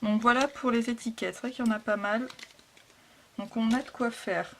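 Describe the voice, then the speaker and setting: Soft-spoken, hesitant woman unboxing craft supplies. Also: a little high, normal speed, slight background noise. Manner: soft, hesitant, lots of fillers. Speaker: scrapbooking vlogger. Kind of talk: casual product haul. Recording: packaging crinkles and clicks behind.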